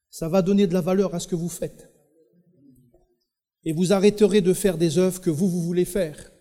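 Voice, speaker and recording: A male pastor with a French Caribbean accent preaching to his congregation. He tells the story emphatically, speaking right to the listeners. His voice is high for a man and rings out with a long hall reverb. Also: warm tone. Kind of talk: sermon.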